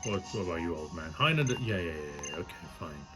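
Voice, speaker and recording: A man's voice: low-pitched, lively intonation, fairly quick, low-quality recording. A man giving casual, self-deprecating let's play commentary, swearing freely. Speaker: gaming YouTuber. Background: game music.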